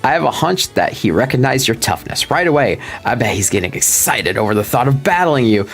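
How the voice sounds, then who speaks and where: A man's voice: mid-range voice, big pitch swings, brisk, fairly bright tone. A man voicing a laid-back, friendly young male fire-type trainer from a video game, reading the game's dialogue aloud.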